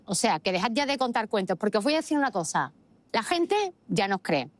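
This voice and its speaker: A woman with a medium-pitched, sing-song voice argues her political opinions as a host, speaking a little fast with no echo. Emphatic and argumentative, she asks rhetorical questions and repeats phrases for stress.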